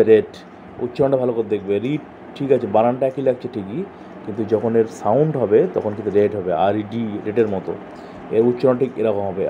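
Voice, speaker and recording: A male tutor giving an online coaching lesson, drilling verbs by asking and answering and spelling words out letter by letter. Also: medium pitch. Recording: tinny phone-like sound, faint noise.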